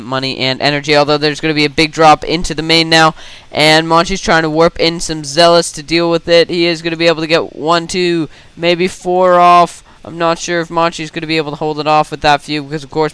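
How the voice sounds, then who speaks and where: Young male esports caster, slightly high and very clear, quick rambling play-by-play with self-mocking asides. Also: pushed and bright, dry recording. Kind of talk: solo play-by-play game commentary.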